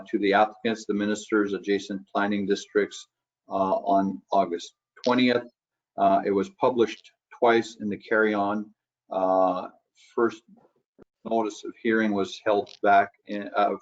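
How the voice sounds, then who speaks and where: A man's voice: lowish voice, muffled recording. A man on municipal staff reporting procedure to council, hesitant and full of fillers.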